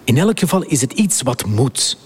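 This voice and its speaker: A man voicing a gloomy small cricket who thinks to himself in a hushed, musing way, with a husky voice. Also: medium pitch, sing-song, normal speed, big-room sound. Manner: hushed, musing inner thoughts. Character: gloomy small male cricket, quiet and lost.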